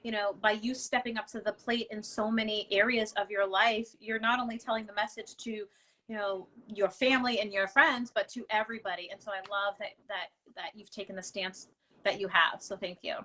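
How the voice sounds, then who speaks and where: A woman's voice: mid-range voice, fairly even intonation, brisk, pushed and bright, poor audio. A woman hosting an interview, enthusiastic and affirming, with many fillers like um and you know. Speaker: host. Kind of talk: interview conversation.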